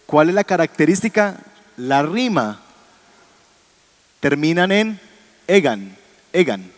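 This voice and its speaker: A man's voice: fairly high pitch, animated, slow. A man teaching a Bible class on Hebrew poetry, talking to his students, asking them questions and chuckling now and then. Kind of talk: classroom lecture.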